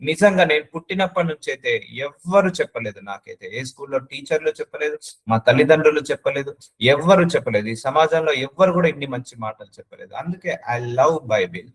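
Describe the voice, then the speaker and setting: A man's voice: on the high side, lively intonation, a little fast, husky, low-quality recording. A middle-aged man preaching an emphatic sermon. He repeats his phrases and mixes in English words.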